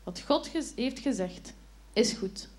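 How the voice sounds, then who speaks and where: A woman's voice: a little high, slow. Eli, a woman doing a sleepy old priest. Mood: sleepy, gentle. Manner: drowsy, calm and fatherly. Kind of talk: storytelling to children.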